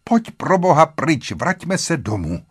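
A man's voice: on the high side, very animated, a bit bright, breathy edge, dry recording, studio quality, voice pushed up, heavily acted. A man voicing a frightened pleading young wife. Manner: imploring, breathless urgency.

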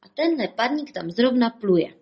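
A woman's voice: fairly high pitch, lively intonation, darkish tone, husky, pitched above the performer's own voice. A woman voicing a gloomy, unlucky older male stage magician who sighs mournfully.

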